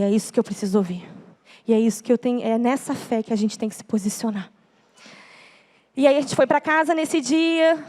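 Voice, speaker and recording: High-voiced woman giving church testimony. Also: darkish tone. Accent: Brazilian Portuguese. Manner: earnest storytelling, acts out quoted speech. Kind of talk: emotional testimony to a congregation.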